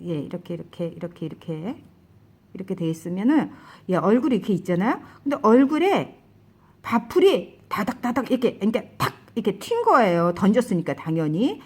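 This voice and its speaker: A woman casually recounting a dream as a testimony, describing it with lively gestures and frequent exclamations. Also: mid-range voice, fairly quick, breathy edge.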